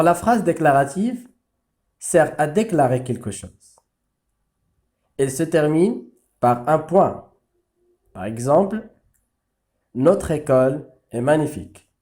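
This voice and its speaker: Slow, lively male French teacher. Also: fairly high pitch. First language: Arabic. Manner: slow, deliberate explaining with drawn-out examples. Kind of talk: grammar lesson.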